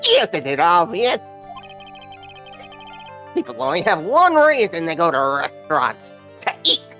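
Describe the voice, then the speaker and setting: A woman's voice: on the low side, very animated, unhurried, a bit bright, soft background music. Woman putting on a grumpy, swooping old Scottish man. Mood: indignant. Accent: put-on Scottish. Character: grumpy, insolent-hating rich old man who feeds pigeons. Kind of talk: comic voice-over of a video game character.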